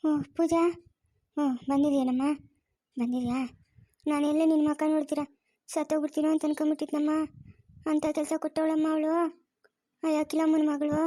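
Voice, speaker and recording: A woman's voice: sits high, flat delivery, fairly quick, long pauses, dark tone, dry recording, natural voice. A woman voicing an exhausted, bitter old village mother who complains and pities herself in a cartoon story. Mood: weary, self-pitying. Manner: complaining, self-pitying. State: exhausted, sore-throated. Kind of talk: cartoon voice acting.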